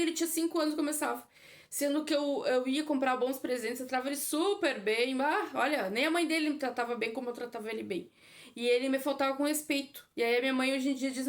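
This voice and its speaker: A woman giving a blunt, casual opinion monologue as a vlogger, often adding filler tags. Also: high-pitched.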